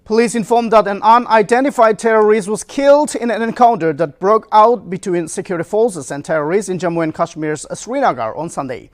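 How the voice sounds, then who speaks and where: High-pitched male newsreader. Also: a little mellow. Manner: formal. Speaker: news anchor. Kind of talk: scripted news reading.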